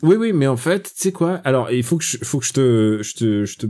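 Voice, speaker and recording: Male podcast host, mellow dark tone, chatty and digressive. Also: mid-range voice, animated, a little fast. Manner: chatty, digressive, with frequent restarts. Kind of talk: casual film chat.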